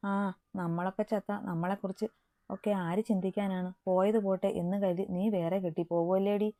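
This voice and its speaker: A woman's voice: medium pitch, fairly even intonation, normal speed, warm tone, no room sound, studio quality, lightly acted. A woman voicing a playful, teasing young man in love from a romance story she reads aloud.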